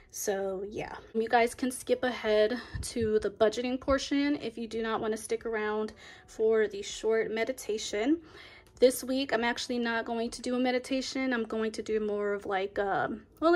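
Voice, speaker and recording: A woman chatting casually in a vlog, then slowly guiding affirmations in a soft voice. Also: a little high. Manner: chatty, rambling with fillers. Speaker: budgeting vlogger. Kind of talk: casual chat and guided affirmations.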